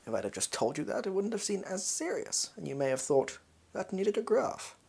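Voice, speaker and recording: In improvised role-play, a performer voices a shady, pompous villain with an exaggerated, put-on posh English accent. The voice is husky and creaky and jumps about in pitch, while the lecturing delivery is fussy, evasive and halting, as though each word is picked with care.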